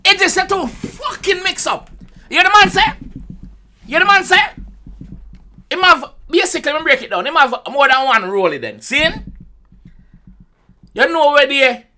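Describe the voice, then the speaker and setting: A young man with a Jamaican accent gives an excitable reaction commentary, full of loud exclamations and swearing. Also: very high-pitched, normal speed, pauses often, a little hiss or hum. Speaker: music reaction host.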